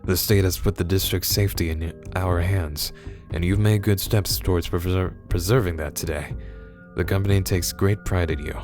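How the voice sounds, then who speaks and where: A man's voice: low-pitched, steady tone, normal speed, darkish tone, natural voice. A man reading the lines of a stiff, formal corporate security boss in a game. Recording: music playing behind.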